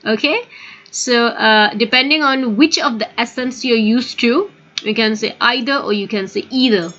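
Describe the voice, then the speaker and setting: A woman with an Indian English accent teaches conversation manners in a high voice. She explains with emphasis and keeps checking in with her listeners. The recording is a little dull and lo-fi. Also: moderate pace, pushed and bright. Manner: explanatory, emphatic, often addresses listeners directly. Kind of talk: spoken English lesson.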